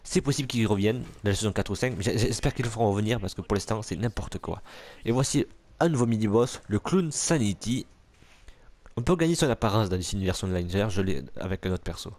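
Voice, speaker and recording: This let's play has a man casually narrating a superhero game, cracking jokes, cursing and mouthing off to the enemies. His voice is on the low side and a little mellow, animated and fast, with no echo.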